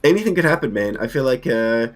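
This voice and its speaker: A man co-commentating a game in casual chat, his voice altered to a lower register, talking in a joking, blunt and loose way. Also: animated, fast.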